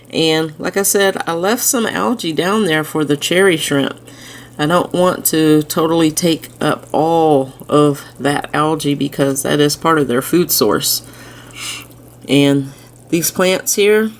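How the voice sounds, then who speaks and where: Sitting indoors by her fish tank, an aquarium vlogger talks in a relaxed, affectionate, chatty manner. Her voice is low and carries a twang.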